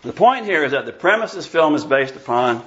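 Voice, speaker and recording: A man's voice: on the high side, big pitch swings, a little fast, fairly bright tone, muffled recording. Scornful man in his sixties preaching. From Iowa. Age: 60s. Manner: scornful, emphatic, chats with congregation. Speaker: pastor. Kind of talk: sermon. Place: church sanctuary.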